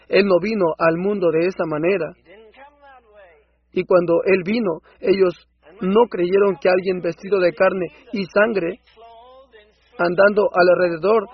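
Male preacher for a sermon dub: high, husky, impassioned, swells into loud outbursts, dull lo-fi sound. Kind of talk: Spanish voice-over of a sermon.

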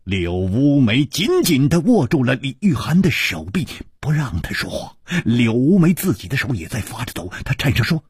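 A man's voice: medium pitch, big pitch swings, moderate pace, hardly any pauses, husky, no echo, studio quality. A man narrating a martial-arts story in a dramatic storytelling manner.

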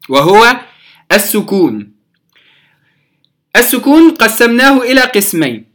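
A man with an Egyptian accent teaching a beginners' tajweed lesson, explaining rules with everyday examples and slowing down to recite verses. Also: very high-pitched, sharp tone.

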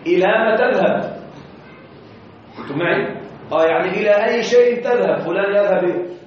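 Arabic grammar teacher in an echoey hall. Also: male voice, high-pitched, slight background noise. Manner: repeats examples slowly, checks students with questions; chants Quranic verses in a recitation tone. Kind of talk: classroom grammar lesson. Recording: very echoey room, distant mic, dull sound.

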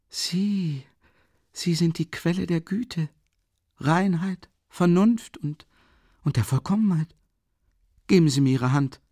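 Raised, gravelly, lively voice: a narrator playing a drunk, effusive young man, loud and fervent. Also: medium pitch, no room sound, studio quality, pitched above the performer's own voice. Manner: fervent, ranting, shouting.

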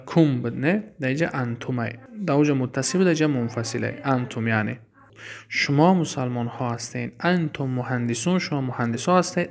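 A man with a Tajik accent teaching Arabic grammar in a class, reading each example slowly and then explaining it. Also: mid-range voice, gravelly.

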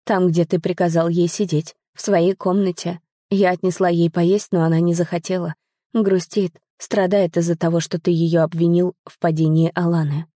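A woman voicing a caring middle-aged stepmother who speaks in a gentle, sympathetic way. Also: fairly low pitch, little pitch movement, normal speed, dry recording, studio quality, natural voice.

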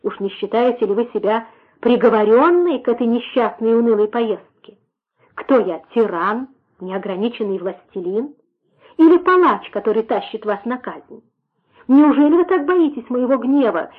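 An anguished young man pleads with rising passion, as a woman reader voices him, in an audiobook. The voice is husky and fairly high. The sound is thin and tinny, like a phone line. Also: lively intonation, normal speed. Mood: pleading. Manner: impassioned, questioning. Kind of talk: audiobook reading.

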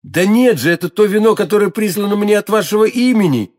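A man's voice: high voice, animated, fairly quick, pitched above the performer's own voice. Brief: young impulsive swordsman, earnest, emphatic, storybook hero, read by a man. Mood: puzzled. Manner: urgent, emphatic.

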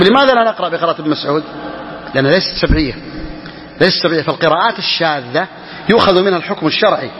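A man teaching Islamic law to a class, reading lines slowly and repeating key phrases as he explains. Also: high-pitched, slight background noise. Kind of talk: classroom lesson explaining a legal text. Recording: dull lo-fi recording with hall reverb.

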